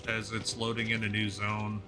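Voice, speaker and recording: A man hosting a casual gaming stream, chatting relaxed and sometimes mumbling under his breath. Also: fairly low pitch, moderate pace. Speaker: streamer host. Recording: game music playing clearly behind. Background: game music.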